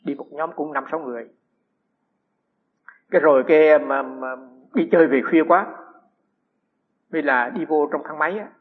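A man's voice: on the high side, moderate pace, pauses often, slightly rough. A man, a Buddhist monk, giving a dharma talk, telling stories and putting rhetorical questions to his listeners. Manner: anecdotal, asks the audience rhetorical questions. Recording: dull lo-fi recording with long hall reverb.

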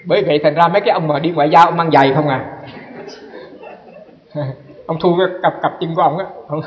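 A Buddhist monk gives a loose, storytelling dharma talk at a quick clip, stumbling over and repeating words as he goes. His voice sits somewhat high for a man. The recording is muffled, with a long reverb from a large hall. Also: steady tone, slight background noise. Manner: conversational, repeats words while searching, acts out quoted people. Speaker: Buddhist monk teaching meditation.

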